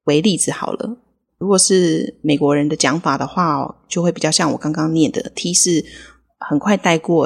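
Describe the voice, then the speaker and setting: A woman with a low, husky voice talks in Taiwanese Mandarin as a podcast co-host. She teaches English vocabulary in a relaxed lesson style. She breaks each word down slowly and plainly. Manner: explains words slowly and clearly. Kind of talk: casual language lesson.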